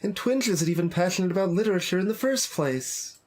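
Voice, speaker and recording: A man reads visual novel dialogue, voicing a blunt, assertive teenage schoolgirl in a literature club, with game music playing behind him. He pitches his voice high, above his own natural range, with lively intonation, a fairly quick pace and a darkish tone, sounding blunt, insistent, earnest and argumentative.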